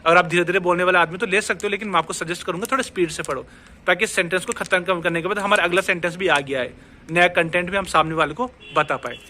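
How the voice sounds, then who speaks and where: A man's voice: high voice, steady tone, fast, pushed and bright, slight background noise. A man teaching Spanish pronunciation in an online lesson, explaining step by step and answering his own questions. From India.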